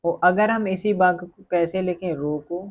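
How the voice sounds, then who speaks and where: A man teaching a Hindi grammar lesson for exam preparation, often asking questions and answering them himself, and slowing down to dictate as he writes. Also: high-pitched. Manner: repetitive questioning, answers his own questions; slow dictation while writing. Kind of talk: online exam-prep lesson. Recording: tinny phone-like audio.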